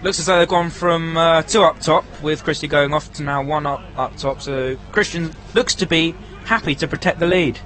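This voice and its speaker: A man co-commentating at a football ground, offering measured and slightly hesitant analysis. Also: on the high side, a bit bright, rough recording. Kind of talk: match analysis.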